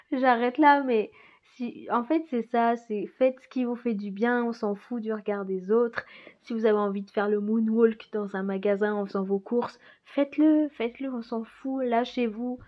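A woman's voice: fairly high pitch, fairly even intonation, moderate pace. A woman in a casual reflective monologue as a podcast host, musing and rambling, often laughing. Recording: slightly dull lo-fi recording.

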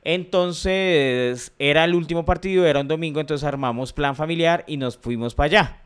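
A man's voice: on the high side, normal speed, clear, resonant tone. A man with a Colombian accent, co-hosting a podcast in slangy, joking casual chat. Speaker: podcast co-host.

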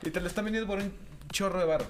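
A man's voice: high voice, rapid-fire, faint music behind. A man with a Durango Mexican accent, a podcast co-host who rambles and laughs through his stories. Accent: northern Mexican, Durango. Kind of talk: casual chat.

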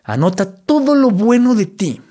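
A man with a fairly high voice hosts a motivational podcast episode. He speaks earnestly and emphatically, stretching out key words to drive each point home. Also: very animated, normal speed, dark tone. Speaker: podcast host. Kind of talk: motivational self-help monologue.

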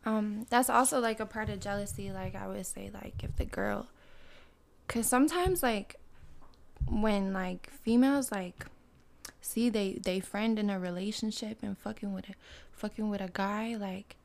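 A woman's voice: mid-range voice, measured pace, creaky, darkish tone. A woman guest on a podcast, talking in a laid-back, slangy way with lots of fillers, born in Russia and raised in Canada. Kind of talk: casual chat.

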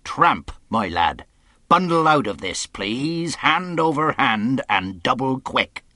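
A man's voice: medium pitch, sing-song, slow, sharp tone, no room sound, studio quality, pitched above the performer's own voice, heavily acted. A man voicing a stern, defiant sea captain in an audiobook, with clipped, authoritative, emphatic delivery. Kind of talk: audiobook character acting.

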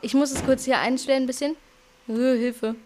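Young woman with a high voice, bossy and teasing, hosting a quiz on a video call. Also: fairly even intonation, moderate pace, warm tone, a little hiss or hum. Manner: bossy, teasing, running the game. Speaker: quiz moderator. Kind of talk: casual chat among friends.

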